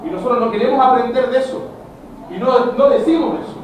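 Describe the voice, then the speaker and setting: Animated Chilean teacher in an echoey classroom. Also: male voice, extremely high pitch, fast. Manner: animated, addresses students directly, acts out dialogues. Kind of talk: classroom lecture. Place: school classroom. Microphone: camera at a distance. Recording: very echoey classroom, far from mic, noisy.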